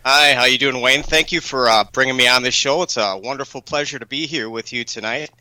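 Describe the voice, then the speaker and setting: A man in his fifties from Wisconsin, a nightclub DJ answering interview questions in an easygoing, relaxed way. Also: medium pitch, fairly quick, poor audio. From Wisconsin, USA. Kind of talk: casual radio interview.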